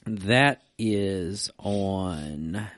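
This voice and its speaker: A man's voice: low-pitched, animated, drawn-out words, a bit bright, no echo. A man co-hosting a church podcast, chatting casually and agreeing often. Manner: agreeable, frequent back-channel replies. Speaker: church staff co-host.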